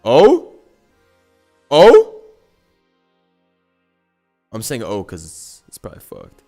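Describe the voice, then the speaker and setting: A young man streaming live gameplay commentary, excitable and profane, full of slang, swinging from low mumbles to loud yelling. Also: brisk, vocal fry, soft background music. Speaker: gaming streamer.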